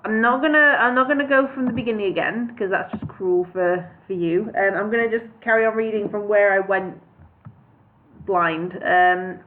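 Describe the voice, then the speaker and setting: A woman's voice: mid-range voice, normal speed, phone-quality sound. A woman chatting apologetically and reading a story aloud on a live stream, with frequent hesitant fillers.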